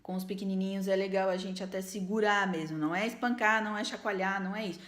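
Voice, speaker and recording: A woman's voice: mid-range voice, steady tone, quick pace, a bit bright, echoey room. A woman gives earnest, explanatory parenting advice to camera, often checking in with little tag questions. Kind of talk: casual advice talk to camera.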